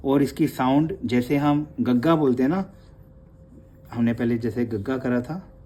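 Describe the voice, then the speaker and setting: A man teaching a Gurmukhi class, patiently repeating each letter sound slowly for his learners and mixing in English words. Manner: opens with soft, low devotional recitation. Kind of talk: online class lesson.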